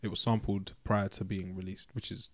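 A man's voice: sits low, level tone, moderate pace, no room sound, clean studio sound. A London-accented man casually chatting as a podcast host. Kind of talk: casual music recommendation chat.

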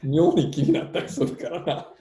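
A man with a Kansai accent talks through ideas in a relaxed podcast chat, pausing on fillers as he thinks. His voice is mellow and low in color, and its pitch rises and falls a lot. The recording has a roomy echo. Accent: Kansai Japanese. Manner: relaxed, musing, full of fillers.

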